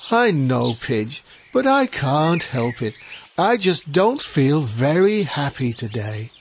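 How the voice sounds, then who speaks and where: A storyteller voicing a glum male jungle animal with big ears in a children's storybook, talking slowly and mopily. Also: medium pitch, big pitch swings, a little hiss or hum. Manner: slow, mopey, sighing.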